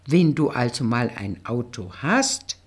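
A woman reading an audiobook, voicing a confident, flirtatious male police colleague in a slightly lowered, teasing tone. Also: big pitch swings, unhurried, husky, heavily acted. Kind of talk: audiobook character voice.

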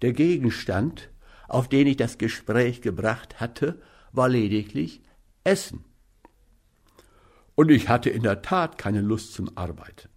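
A man reading a literary story aloud as narrator, in measured, even storytelling. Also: medium pitch. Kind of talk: audiobook narration.

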